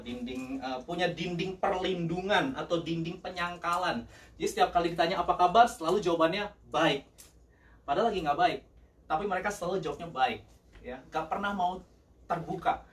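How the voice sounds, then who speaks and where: A male pastor preaching a lively sermon, mixing English phrases in and laughing often. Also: on the high side, distant mic. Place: church service.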